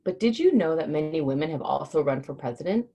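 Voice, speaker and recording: Expressive and quick, a woman with a low, warm voice, vocal fry, and a slightly rough quality hosts a casual children's read-aloud on a livestream. She talks informally and explains tricky words in simple terms for young listeners.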